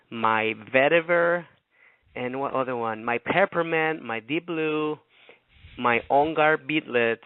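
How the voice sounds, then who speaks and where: A man's voice: mid-range voice, no echo. Guy from ecuador, rambling story on a radio show, thin phone sound. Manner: chatty, rambling, animated retelling. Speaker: guest co-host. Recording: tinny phone line.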